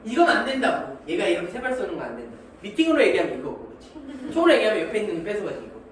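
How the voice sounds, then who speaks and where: Lively, high-voiced male math teacher, jokey and slangy, heard from far off in a roomy classroom. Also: racing. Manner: animated, joking, acts out little scenes; slangy, keeps checking understanding. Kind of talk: classroom lecture. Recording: echoey room from far off, noisy.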